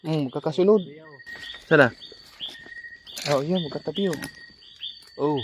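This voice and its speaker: A man vlogging outdoors at night among trees, excitedly pointing out finds and directing a companion. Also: on the high side, measured pace, slight background noise. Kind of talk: casual outdoor vlog narration.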